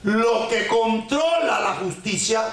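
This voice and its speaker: A man with a fairly high, bright-toned voice teaches animatedly but slowly on the weekly Torah portion. He keeps firing off rhetorical questions, repeats lines for emphasis and works in Hebrew terms and folk sayings. The recording is drenched in echo from a very reverberant room.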